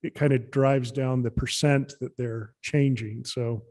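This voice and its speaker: A man chairing a city council meeting in a measured, procedural way. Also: mid-range voice, steady tone, a little mellow.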